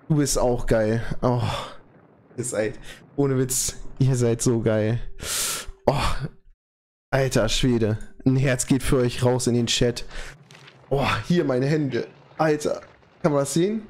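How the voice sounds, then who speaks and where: A young man streaming from home, overjoyed and slangy, his voice trembling with excitement. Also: medium pitch, takes it slowly, pauses often. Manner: overjoyed, slangy, constant exclamations. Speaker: live streamer. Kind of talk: excited live stream reaction. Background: music.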